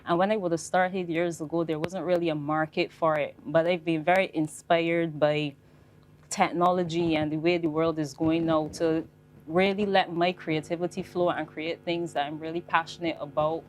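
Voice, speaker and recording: A young woman, a fashion designer speaking on a panel in a measured, reflective way. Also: low voice, flat delivery, a little hiss or hum. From Barbados. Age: young adult. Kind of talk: panel talk.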